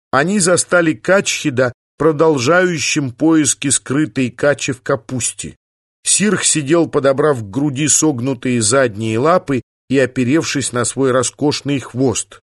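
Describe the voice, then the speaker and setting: A male audiobook narrator reads a script in a measured, mid-range voice. The studio sound is clean, with no room sound.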